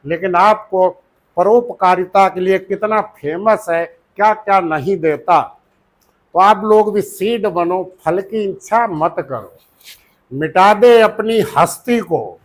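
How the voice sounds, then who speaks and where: A man from India with a North Indian Hindi accent, teaching a biology class and advising students, often asking rhetorical questions. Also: sits high. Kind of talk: classroom lecture.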